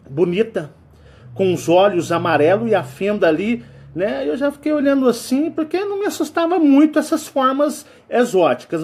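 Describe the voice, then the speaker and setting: Lively high-voiced Brazilian man, rambling. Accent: Brazilian Portuguese. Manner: rambling, adds a tag question after nearly every phrase. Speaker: channel host. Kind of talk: casual storytelling.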